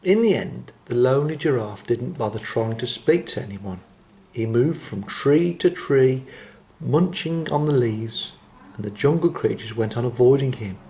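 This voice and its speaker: A gentle male children's storyteller. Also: mid-range voice. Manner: gentle, expressive, with slowed dramatic phrasing.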